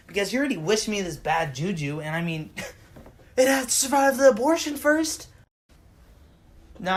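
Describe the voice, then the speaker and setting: A young man delivering a profane, deliberately dark comedic rant to camera, exaggerated and complaining. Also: fairly high pitch. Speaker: vlogger.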